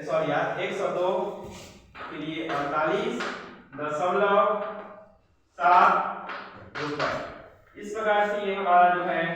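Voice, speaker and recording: A man tutoring maths, working a problem through step by step and speaking warmly to his viewers as friends. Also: a little high, noisy background. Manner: reads out figures slowly, step by step; says "friends" and "yaar" to the viewers. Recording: echoey room, far from the mic.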